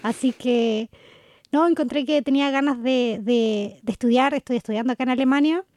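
Chilean woman chatting, higher voice. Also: moderate pace, a little mellow, dry recording, clean studio sound. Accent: Chilean Spanish. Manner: chatty, laughs easily. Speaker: co-host. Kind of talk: casual conversation.

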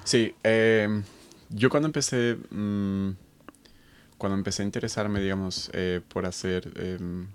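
A man's voice: on the low side, fairly even intonation, a little slow, slight background noise. A man in his thirties from Colombia, a guest talking thoughtfully in an interview, with many fillers and restarts. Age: 30s. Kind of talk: conversational interview.

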